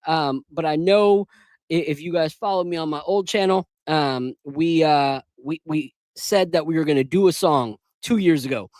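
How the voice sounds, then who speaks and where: A man's voice: fairly high pitch, normal speed, a little mellow, no room sound. Laid-back man hosting a sports stream. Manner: laid-back, chatty, asks viewers to like and subscribe. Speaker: podcast host. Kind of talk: casual sports chat livestream.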